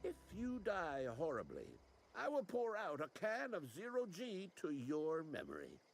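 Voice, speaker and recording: A man's voice: fairly high pitch, huge pitch swings, measured pace, gravelly, exaggerated voice. An actor playing a blunt, wry male fixer in a video game, matter-of-fact, with noise behind the voice. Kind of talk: video game character acting.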